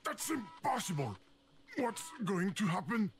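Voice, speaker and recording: An actor playing a stressed game narrator with a thick accent, panicky and pleading. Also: male voice, sits high, sing-song, a little slow. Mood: panicked.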